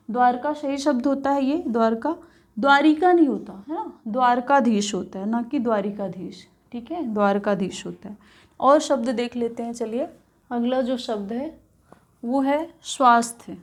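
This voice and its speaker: A woman with a high voice teaches an exam-prep spelling lesson. She repeats each word slowly and clearly. She keeps checking in with her students as she goes.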